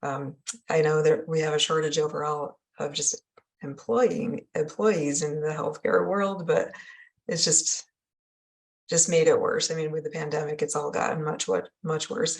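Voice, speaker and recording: Low, even-toned woman presenter. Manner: steady, informative, occasional fillers. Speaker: program manager presenting a seminar. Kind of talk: webinar presentation.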